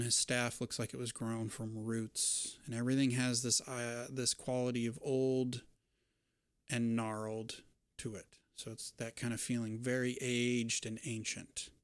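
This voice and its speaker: Clear-voiced male game master, dry sound. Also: medium pitch, no echo. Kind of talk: narrating a tabletop role-playing game, conversational.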